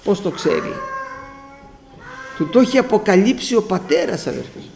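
High, gravelly preacher in an echoey room. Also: male voice, expressive, a little mellow, slight background noise. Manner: emphatic, repeats phrases, mixes in scripture. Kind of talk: sermon. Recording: roomy echo.

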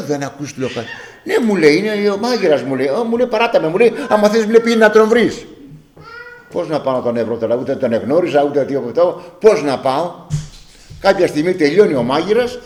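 An older man telling a personal story from his years working on a ship, acting out each exchange of dialogue with a repeated "I say". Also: fairly high pitch. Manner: animated, acts out dialogue with repeated "I say". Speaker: storyteller recalling life at sea.

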